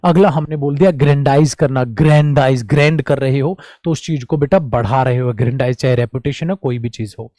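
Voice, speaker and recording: A man teaching a quick vocabulary revision lesson, calling his students "my child" and "my brother". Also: mid-range voice, dark tone, no echo, clean studio sound.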